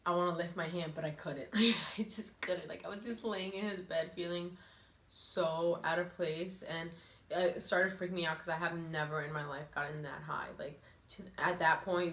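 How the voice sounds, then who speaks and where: A mukbang vlogger in her twenties tells a story while eating, chatty and laughing, saying "like" constantly. Her voice is lowish and fairly bright, recorded in an echoey room with faint ambience.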